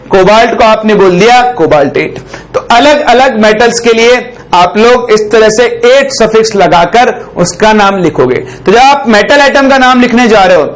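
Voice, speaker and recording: A male teacher explaining a chemistry rule, often asking the class a question and then answering it himself. He stops to dictate phrases slowly for note-taking and keeps checking in with a short "okay". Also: extremely high pitch, low-quality recording. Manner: dictates slowly while writing on a board; ends phrases with a checking "ठीक". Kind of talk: chemistry lesson.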